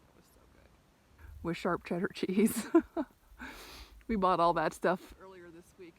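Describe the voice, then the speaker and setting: A woman chatting casually while riding, laughing often and talking to her horse, outdoors on open range. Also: lowish voice. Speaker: ranch rider vlogger. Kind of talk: casual outdoor vlog chat.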